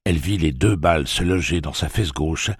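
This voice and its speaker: Deep husky male audiobook narrator. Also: normal speed, no echo, studio quality. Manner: expressive dramatic reading. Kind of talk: scripted narration.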